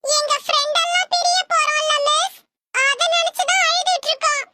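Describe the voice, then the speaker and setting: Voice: very high voice, fairly even intonation, moderate pace, bright, forceful tone, slight background noise, exaggerated voice. A performer voicing a cheeky wisecracking schoolboy who talks back to his teacher in a comedy cartoon. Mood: mock-weepy.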